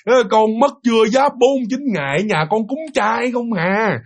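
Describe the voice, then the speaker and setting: A man's voice: lively intonation, unhurried, vocal fry, full character voice. A man putting on an angry young woman ghost. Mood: reproachful. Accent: Southern Vietnamese. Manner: shrill scolding, cursing.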